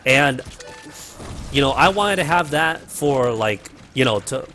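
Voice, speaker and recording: A man's voice: mid-range voice, lively intonation, takes it slowly, sharp tone, soft background music. A man hosting a gaming livestream from his apartment, chatting casually and rambling with fillers and the odd swear word, his cheap mic close to his mouth. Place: home apartment.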